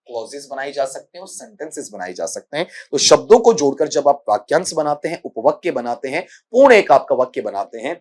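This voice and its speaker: In this exam-prep lecture, a man with a Rajasthani accent and a medium-pitched voice teaches English grammar step by step. He keeps asking his students questions and addresses them as "beta".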